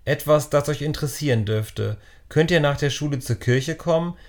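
A man reading as a warm, deep-voiced village pastor. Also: moderate pace, natural voice. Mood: friendly.

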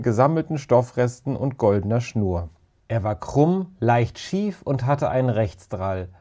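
A man narrating a children's story in a calm, measured reading. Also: mid-range voice. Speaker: audiobook narrator.

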